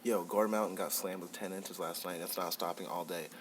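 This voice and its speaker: Man playing eager young friend, deep-voiced, pushy caller. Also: fairly even intonation, brisk, a little hiss or hum, close to an everyday voice. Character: eager young male friend calling early.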